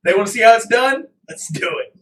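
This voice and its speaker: A man playing a tabletop game, talking in an animated, excitable way. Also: high voice, fast talker. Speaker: player. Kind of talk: casual tabletop game chat. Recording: roomy, distant, noisy table mic.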